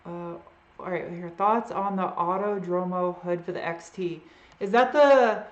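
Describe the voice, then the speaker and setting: A woman's voice: on the low side, roomy sound. A woman with a trace of a Boston accent hosting a live Q&A, chatting casually and trailing off often as she answers viewer questions. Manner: rambling and unsure, often trailing off.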